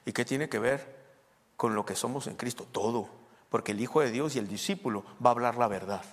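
A man preaching a conversational sermon. He talks emphatically and moves between hushed asides and loud outbursts. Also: mid-range voice, a little fast. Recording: long hall reverb.

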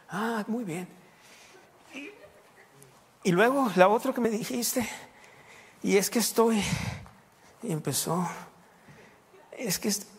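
A man's voice: on the high side, long reverb tail, a little hiss or hum. A man preaching a sermon as pastor, telling stories with laughter and breaking into short prayers and praises. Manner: lively storytelling with laughter and prayer interjections. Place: church sanctuary.

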